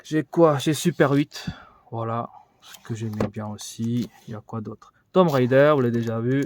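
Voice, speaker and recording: A man's voice: medium pitch, normal speed, darkish tone. A man giving a casual vlog tour of his collection, rambling and thinking aloud with many fillers. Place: indoors in a collection room.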